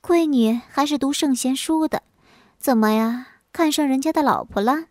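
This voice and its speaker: A woman voicing a jealous, blunt, dim-witted young wife in a storybook tale, speaking sharp and stubborn. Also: high voice, unhurried, no room sound, studio quality. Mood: scornful.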